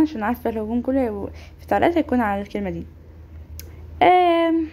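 A young woman, giving an excitable game voice-over commentary and exclaiming often. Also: on the high side. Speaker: gaming YouTuber. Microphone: home microphone voice-over.

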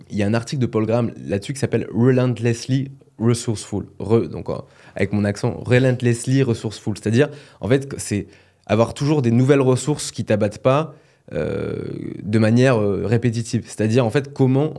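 A man's voice: lowish voice, fairly quick, warm tone. A man co-hosting a podcast, chatting casually and telling anecdotes, often checking in with the listener. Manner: chatty storyteller, frequent "tu vois". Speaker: podcast co-host.

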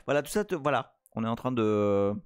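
Excitable French man streaming live code. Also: medium pitch, clear, resonant tone, no room sound, clean studio sound. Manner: playful, excitable, reads chat aloud. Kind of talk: casual live-coding stream chat.

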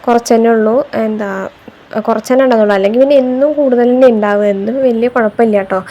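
In a separately recorded voice-over, a young Keralan mother vlogs her everyday chores, chatty and prone to ending lines with a gentle "you know." She speaks fast in a fairly high, steady voice, and the sound is lo-fi.

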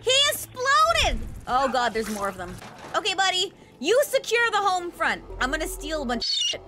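A woman livestreamer giving excitable, exclaiming game commentary with plenty of swearing. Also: high voice, a little fast, heavy background noise. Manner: animated, exclaiming and squealing. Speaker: livestreamer playing a video game. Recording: game music behind the voice. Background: game music and sounds.

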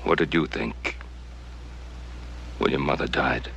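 A middle-aged actor playing a grave, compassionate rancher father in a TV western, with a North American accent and measured, authoritative delivery. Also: extremely low pitch, a bit bright, heavily acted. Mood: consoling. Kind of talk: TV western drama acting. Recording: noisy old television soundtrack.

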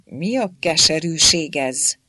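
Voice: mid-range voice, big pitch swings, a bit bright, slightly rough, no room sound, studio quality, full character voice. A narrator voicing a stern male archangel commander who snaps demanding questions in an audiobook.

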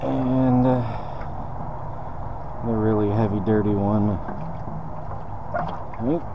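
A relaxed man with a drawl talks through a detailing job in an easygoing, unhurried way. His voice sits a bit low, and steady shop noise runs clearly behind him. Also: narrow, tinny audio. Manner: laid-back, talks while working. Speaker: car detailer. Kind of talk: casual how-to demonstration.

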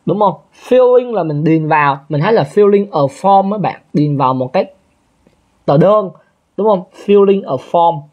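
A man's voice: high voice, dull audio. Chatty male teacher. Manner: chatty, keeps asking listeners to confirm. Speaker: English teacher. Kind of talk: exam review lesson.

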